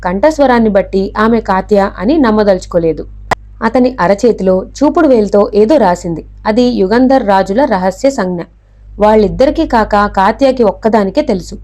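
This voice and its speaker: A woman narrating a novel as an audiobook in a steady, even storytelling manner. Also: mid-range voice, moderate pace.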